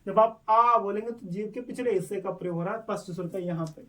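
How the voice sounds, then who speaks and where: A man's voice: high voice, quick pace, bright, forceful tone, distant mic. A male teacher explaining step by step in an online exam-prep lesson, asking questions and answering them himself.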